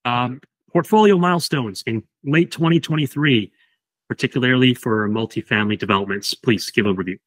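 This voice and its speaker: Man, mid-pitched voice, conversational, co-host reading out questions. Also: a little fast, fairly bright tone. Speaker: chief of staff, co-host. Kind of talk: casual business discussion.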